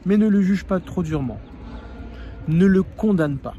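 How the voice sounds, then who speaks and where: A man's voice: high voice, lively intonation, moderate pace, warm tone, lo-fi sound, a little hiss or hum. A man coaching the viewer directly, earnest and repeating key phrases for emphasis. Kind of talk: advice monologue to the viewer.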